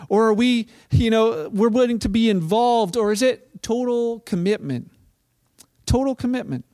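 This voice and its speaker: A man's voice: high-pitched, a little mellow. A middle-aged man giving a sermon as pastor, conversational and storytelling, with frequent restarts.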